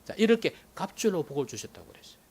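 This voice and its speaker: A male pastor preaching a sermon, swinging dramatically from loud exclamations to hushed whispers. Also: high voice, big pitch swings, rapid-fire, slightly rough.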